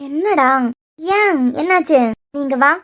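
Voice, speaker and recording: A tender young woman from a cartoon serial, played by a woman, soothing a child in a Kanyakumari Tamil accent. Her voice is high but softer and lower than the serial's shrill villain. She talks in a coaxing, affectionate way. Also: slow. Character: gentle young woman caring for a little girl.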